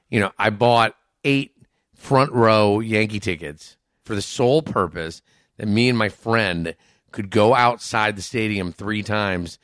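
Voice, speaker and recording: Man, middle-aged, low voice, dry close sound, frank, self-deprecating, conversational storytelling. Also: fairly bright tone, dry recording. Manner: frank, self-mocking, swears casually. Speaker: podcast guest, author.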